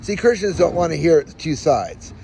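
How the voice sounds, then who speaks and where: Gravelly, higher-pitched man with missing front teeth. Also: big pitch swings, moderate pace, a little mellow, slight background noise. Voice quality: slightly slurred speech from missing front teeth. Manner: aggrieved, emphatic, acts out reported dialogue. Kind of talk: personal rant to camera, telling his own story.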